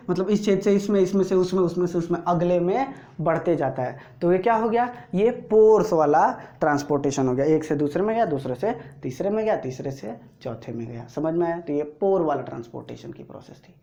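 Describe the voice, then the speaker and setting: A male teacher with an Indian accent, giving a slow board lesson to school students and checking often that they follow. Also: high voice, mellow, dull audio. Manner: explains slowly, drawing as he speaks, keeps checking understanding.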